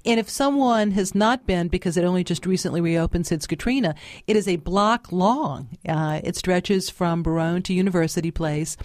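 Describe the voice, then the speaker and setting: A woman's voice: lowish voice, normal speed, a little mellow, no echo. A woman, a guest chatting casually in an interview with many fillers and restarts. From New Orleans. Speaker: guest author.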